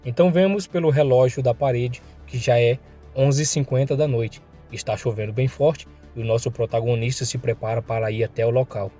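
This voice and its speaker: A man's voice: mid-range voice, dark tone. A man narrating a comic recap in a casual, slangy storytelling manner.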